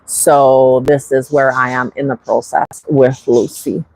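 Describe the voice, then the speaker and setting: Hosting a bird-keeping channel's livestream, a French-accented woman from Quebec speaks English as a second language in an extremely low, level, darkish voice. The audio is dry and poor; she chats unhurriedly with viewers, reads their comments, and frequently restarts sentences.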